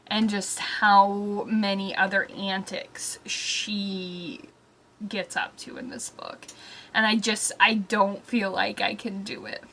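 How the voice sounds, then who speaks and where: A young adult woman hosts a comedic story-time show, her medium-pitched voice pushed and bright. She rambles through casual comic commentary with mock exasperation, hitting certain words hard.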